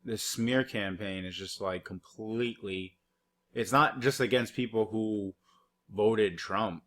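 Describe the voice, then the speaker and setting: Speaking slowly at a fairly low pitch with a fairly bright tone, this man rambles through sarcastic, profane reactions to news footage. His mocking commentary is full of swearing and fillers.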